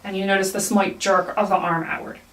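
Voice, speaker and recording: This time the clinical instructor demonstrating hands-on technique has a medium-pitched, slightly bright voice with a level tone and a brisk pace. She again repeats the key points, captured by a somewhat distant mic in an echoey room.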